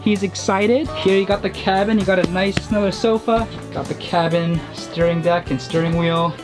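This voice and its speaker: A man's voice: high-pitched, steady tone, moderate pace. A young man hosting a casual travel vlog, touring a boat and cheerfully pointing things out. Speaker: vlog host. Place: outdoors on a boat deck and inside a boat cabin. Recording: music playing under the voice.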